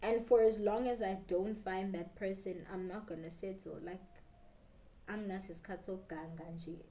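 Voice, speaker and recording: A woman's voice: fairly low pitch, dark tone, a little hiss or hum, poor audio. A slightly tipsy South African woman in her twenties chatting casually and ramblingly while doing her makeup, switching between English and Zulu. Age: 20s. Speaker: beauty YouTuber. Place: small bedroom indoors.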